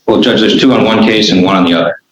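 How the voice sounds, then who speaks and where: A man's voice: lowish voice, quick pace. A man speaking as a prosecutor in court, brief and matter-of-fact with some fillers, heard in a courtroom recording. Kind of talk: courtroom speech. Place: large courtroom. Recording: echoey courtroom, distant mic, noisy.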